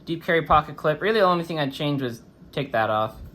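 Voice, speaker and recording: Quick and lively, with a somewhat high, bright voice, the host of a knife review channel gives a relaxed, chatty product review. His face is swollen from wisdom teeth extraction, which slightly impedes his speech, over slight background noise.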